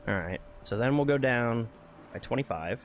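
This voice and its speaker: A man's voice: mid-range voice, animated, moderate pace, a little hiss or hum. A man streaming a video game, joking, swearing and reading game text aloud. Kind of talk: gaming livestream commentary. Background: faint game music.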